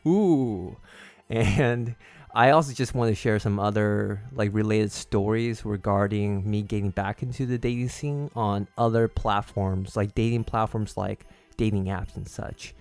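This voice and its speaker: A man's voice: on the low side, soft background music. A man hosting a casual solo podcast, telling personal stories in a chatty, confiding way. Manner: calm, unhurried at first, growing more animated. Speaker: host of a series.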